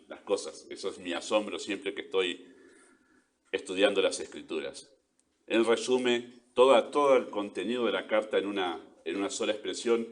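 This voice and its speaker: A man with an Argentine accent preaching a sermon as pastor, earnest, stressing key words and checking in with rhetorical questions. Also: sits low. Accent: Argentine Spanish.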